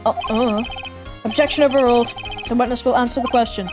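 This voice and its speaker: Doing a fan dub of a courtroom game, a woman reads all the characters' lines herself, tossing in asides, jokes and put-on voices while stumbling and laughing at her own mistakes. She talks fairly quickly at a fairly high pitch in a steady tone, with music playing behind her.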